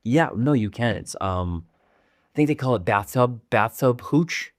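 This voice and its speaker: A man's voice: mid-range voice, animated, unhurried, no echo, studio quality. A young man co-hosting a casual podcast, rambling with restarts and casual swearing. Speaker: podcast co-host. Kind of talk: casual chat.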